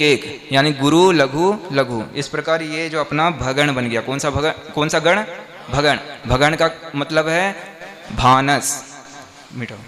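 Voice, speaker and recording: A monk leads a class in a bright, slightly high voice. He counts out syllables one by one, pausing often to quiz his listeners. His pace is slow and deliberate. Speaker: Jain monk teaching a class. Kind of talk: classroom lesson on verse meter.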